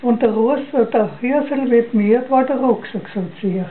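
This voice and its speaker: An older woman with a Styrian Austrian accent recites a dialect poem from memory, halting and repeating phrases. Her voice is a little high, and the home recording is dull, lo-fi and noisy.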